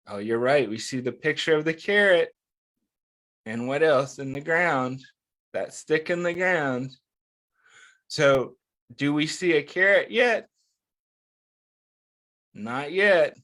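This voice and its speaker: The children's story time host here is a man whose fairly high, fairly bright voice has lively intonation. He reads aloud interactively, cheering the little ones on and pausing after each question for their responses.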